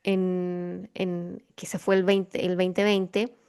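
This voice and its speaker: A woman's voice: lowish voice, level tone, takes it slowly, darkish tone, clean tone. A woman with a Chilean accent hosting a casual spiritual podcast conversation, reflective and full of fillers and restarts. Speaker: podcast host.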